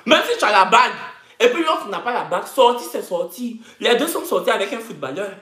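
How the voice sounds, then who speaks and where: A woman's voice: mid-range voice, sing-song, brisk, fairly bright tone. A woman, hosting a live stream and ranting to her viewers in a mocking, theatrical way. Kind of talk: animated live-stream rant. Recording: echoey room.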